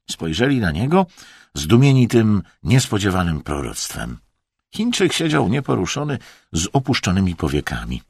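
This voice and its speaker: Husky, expressive male narrator. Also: no room sound, studio quality. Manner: highly expressive, dramatic reading. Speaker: audiobook narrator. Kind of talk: scripted audiobook narration.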